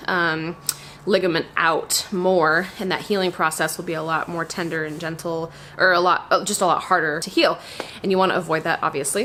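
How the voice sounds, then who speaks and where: A heavily pregnant young fitness vlogger speaks on the low side, her voice a bit bright, as she talks casually to camera and demonstrates workouts. She explains things conversationally, peppering her speech with "like" and "you know," inside a small home garage gym. There's a little hiss or hum.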